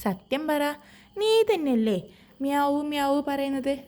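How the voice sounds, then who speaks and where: Give me a woman playing an inquisitive little cartoon puppy, mellow voice. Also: high voice, unhurried. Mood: curious. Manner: curious, questioning. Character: curious young male puppy dog.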